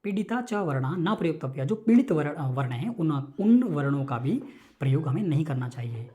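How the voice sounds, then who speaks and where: A woman teaching Sanskrit in an online lecture, explaining a text slowly, repeating terms and checking that listeners follow. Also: low voice, animated, dark tone.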